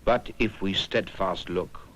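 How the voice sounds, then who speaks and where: A man solemnly reciting old devotional verse in a grave, deliberate manner. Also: low-pitched, fairly bright tone, a little hiss or hum. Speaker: reader of verse.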